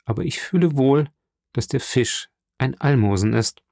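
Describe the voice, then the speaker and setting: A proud, steadfast young fisher girl, as a male audiobook reader puts her on in a lifted, earnest voice. She speaks with firm conviction, refusing calmly but without yielding. The sound is dry and close, with no room around it. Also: moderate pace, gravelly, dry recording. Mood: earnest, pleading. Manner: raised pitch, earnest pleading tone. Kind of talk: audiobook reading.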